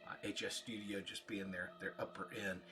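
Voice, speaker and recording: A man giving a casual, rambling product review in short, halting phrases, as a reviewer talking to his viewers. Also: low voice, little pitch movement, sharp tone, soft background music. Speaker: pipe tobacco reviewer.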